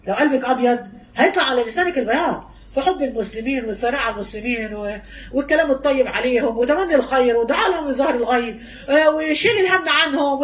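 A woman with an Egyptian Arabic accent giving a religious lesson to women, animated and teasing, mimicking gossip and firing off rhetorical questions. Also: high-pitched. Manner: rapid-fire rhetorical questions. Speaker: religious teacher.

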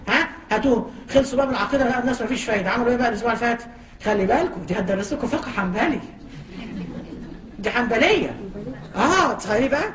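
A woman's voice: on the high side, reverberant, recorded from a distance. A woman with an Egyptian accent giving an impassioned religious talk as a teacher, fiery and sarcastic, firing off one rhetorical question after another. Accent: Egyptian Arabic.

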